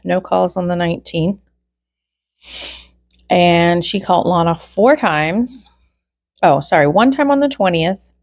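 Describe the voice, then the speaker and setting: With a fairly low voice full of vocal fry, a woman offers informal true crime commentary, going methodically through a log entry by entry and slipping in wry asides. She speaks at a measured pace and pauses often, in a dry recording with very little room sound and no echo.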